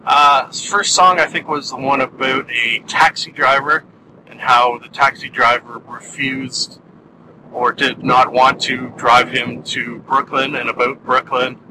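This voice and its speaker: A man's voice: medium pitch, level tone, measured pace, background noise. A man giving a casual spoken review, rambling and self-deprecating, with many fillers and restarts.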